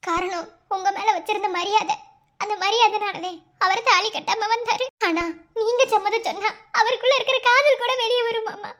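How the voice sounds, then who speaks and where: A cartoon village girl in a Madurai Tamil accent, her voice pushed very high and thin. She pleads with her elders, tearful and begging, her words tumbling out with emotion. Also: steady tone, moderate pace, a bit bright. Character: young village woman begging to wed her love. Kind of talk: cartoon voice acting.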